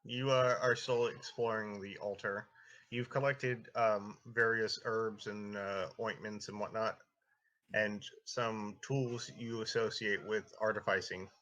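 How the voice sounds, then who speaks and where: Bright-voiced man running a tabletop game. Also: fairly low pitch, little pitch movement, a little slow, dull audio. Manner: casual, conversational storytelling. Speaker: game master. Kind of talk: improvised narration of a tabletop fantasy game.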